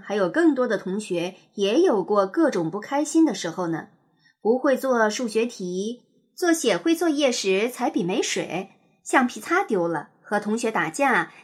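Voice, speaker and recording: A woman reading a children's picture book aloud in an expressive, sing-song storytelling manner. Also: on the high side, breathy edge.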